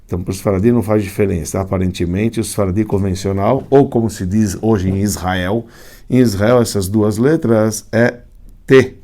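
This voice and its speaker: Low-voiced rabbi teaching a class. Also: male voice, moderate pace, dark tone. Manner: explains step by step, often checks with "entendeu?". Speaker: rabbi teaching Hebrew letters. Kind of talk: classroom lecture.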